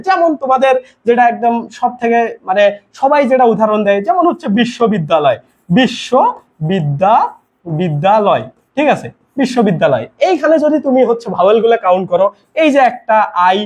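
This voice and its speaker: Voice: mid-range voice, darkish tone. A teacher gives a live online grammar class in a casual style, mixing in English words and posing questions they answer themselves. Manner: asks quiz questions and answers them.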